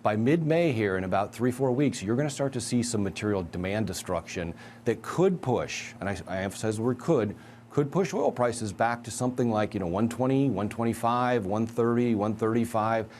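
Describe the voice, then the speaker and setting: A man giving a measured, analytical market view as a guest in a financial news interview. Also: on the low side, a little mellow, slight background noise. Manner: measured, analytical, emphatic asides.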